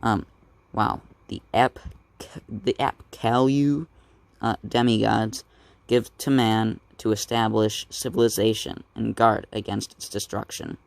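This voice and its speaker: Gravelly-voiced man reading a comic aloud. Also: lowish voice, level tone, no room sound. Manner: halting, stumbling over words and correcting himself. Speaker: comic book reader. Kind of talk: casual read-aloud of a comic.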